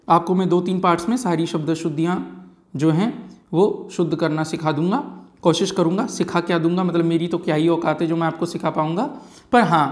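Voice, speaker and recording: A man teaching grammar in an exam-prep lecture, slowly repeating key words and often checking in with "है ना" and "ठीक है जी". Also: sits high, a little mellow.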